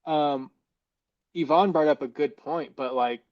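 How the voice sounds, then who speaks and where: A man's voice: fairly high pitch, a little slow, darkish tone. A man with an American accent chatting casually as a podcast guest, feeling for his words, his voice muffled as if underwater in a fishbowl. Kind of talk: casual chat.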